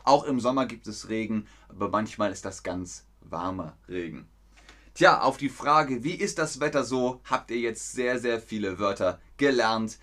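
A man from teaching in a live-stream lesson, speaking slowly and clearly, reading viewers' chat aloud and correcting them. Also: lowish voice, a bit bright.

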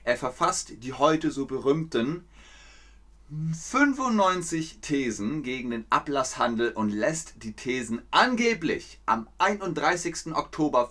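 A man teaching a history lesson to learners, explaining words slowly and acting out scenes with sound effects and voices. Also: fairly high pitch, lively intonation, sharp tone. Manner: repeats phrases to explain words. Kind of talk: slow, playful explanation for learners.

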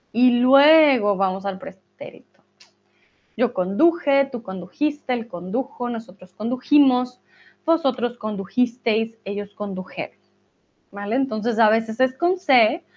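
A Spanish teacher leads a live online grammar lesson, patiently drilling verb conjugations aloud and reassuring her students. Her voice is fairly high and expressive, with a slow pace. The lo-fi recording sounds slightly dull.

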